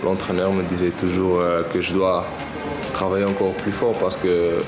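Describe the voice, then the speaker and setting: Deep-voiced Belgian man, hesitant French. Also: flat delivery, moderate pace, echoey room. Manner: hesitant, simple phrasing. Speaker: professional footballer interviewee. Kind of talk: interview answers. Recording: loud music underneath.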